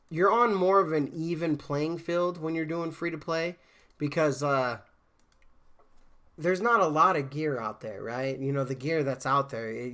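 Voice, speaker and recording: His mid-range, slightly bright voice carries a casual, rambling chat with game-stream viewers, dotted with fillers and restarts. He sounds a little congested from a cold.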